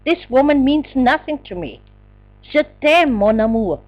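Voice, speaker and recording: A woman's voice: high-pitched, animated, measured pace, muffled recording, pitched above the performer's own voice. Woman voicing a pleading tender man. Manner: pleading, soft French endearments.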